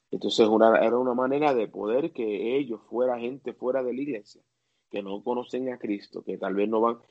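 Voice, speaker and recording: A man, a worship leader and singer, talking casually as an interview guest and pausing often with fillers and restarts. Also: fairly low pitch, a little mellow, dull audio. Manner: halting, many fillers and restarts.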